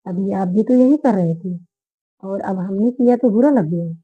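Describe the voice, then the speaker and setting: A woman voicing a hurt young wife who answers her husband in a reproachful, sharp way, over phone-like narrow audio. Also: mid-range voice, normal speed, husky, natural voice.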